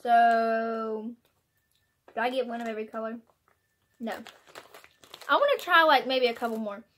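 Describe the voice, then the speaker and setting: Young female vlogger, bubbly and giggly, slightly high voice, casual taste-test chat. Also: normal speed, a bit bright. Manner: bubbly, giggly, exclaims and laughs often.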